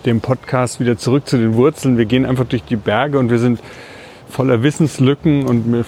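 A man's voice: medium pitch, dark tone. A man co-hosting a casual podcast on foot outdoors, explaining things in a loose, rambling way. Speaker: podcast co-host. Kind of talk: casual chat while walking. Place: outdoors on a city route beside railway tracks. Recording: outdoor ambient noise, passing vehicles.

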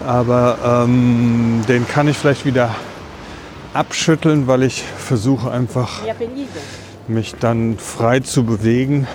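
A man with a mid-pitched voice presents casually on a podcast, pausing to find his words as he walks. Street and vehicle noise is clearly audible around him. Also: fairly even intonation. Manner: halting, thinking aloud while walking. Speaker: podcast co-host. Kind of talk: casual chat, presenting a topic. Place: outdoors on a city street along a tram line.

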